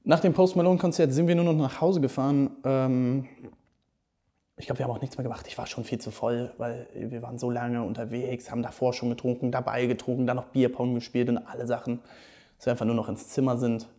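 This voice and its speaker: A young man hosting a podcast, telling stories in a casual, slangy, animated way. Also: medium pitch, brisk. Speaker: podcast host. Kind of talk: casual storytelling chat.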